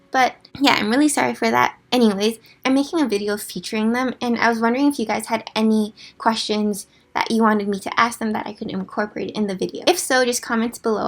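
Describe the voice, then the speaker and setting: Over a timelapse of her drawing, a gaming YouTuber talks in a laid-back, rambling voice-over, poking fun at herself and saying "like" constantly. She's young, and her voice is raspy and a bit high with a gravelly edge.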